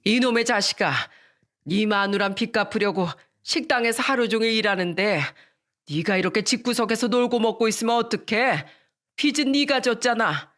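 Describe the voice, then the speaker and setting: Woman doing a mad old mother-in-law for a story radio, loud and drawn out. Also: medium pitch, moderate pace, dry recording, clean studio sound, close to an everyday voice. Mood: scolding. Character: scolding older mother-in-law, tearful and fierce.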